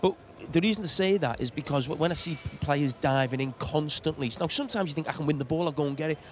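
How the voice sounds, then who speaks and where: A middle-aged man arguing a pointed, challenging case as a football pundit pitchside. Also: fast talker, slight background noise. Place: outdoors pitchside at a stadium. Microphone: handheld mic.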